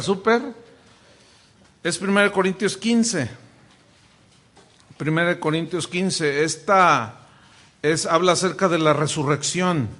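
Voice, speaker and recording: A Mexican man, a pastor, teaching a class on preaching. His voice is bright and sits fairly high, and he jokes and restarts his sentences often. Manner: animated, joking, many restarts. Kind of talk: sermon-style lesson.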